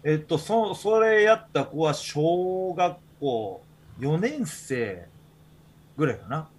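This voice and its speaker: Husky Kansai man, podcast host, easygoing chatty storyteller. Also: on the high side, big pitch swings, slow pace. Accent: Kansai Japanese. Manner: rambling storytelling with many fillers. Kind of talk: casual chat.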